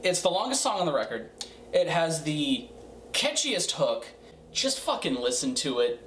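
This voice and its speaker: A man giving a casual, profane music review in a tipsy, rambling way, halting and repeating himself. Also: on the high side, big pitch swings, a bit bright. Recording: roomy, distant mic, faint noise.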